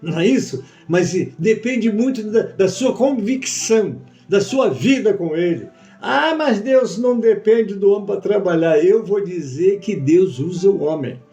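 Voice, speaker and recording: A man preaching as a pastor, telling a testimony and acting out the dialogue in a lively storytelling manner. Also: high voice, measured pace, faint music behind. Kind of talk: sermon testimony. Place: church.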